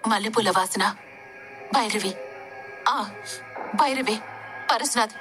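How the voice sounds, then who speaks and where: A woman's voice: mid-range voice, music in the background, close to an everyday voice. Nandi, a woman reading as an alarmed young man. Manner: hurried, alarmed. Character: frightened young man, anxious. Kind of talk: audiobook story reading.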